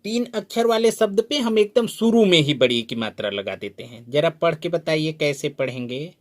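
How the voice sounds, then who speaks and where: A man teaching a spoken lesson, sounding out syllables slowly and drawing them out, asking the learner questions as he goes. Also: a little high, animated. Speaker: Hindi teacher. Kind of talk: slow spoken lesson at a board.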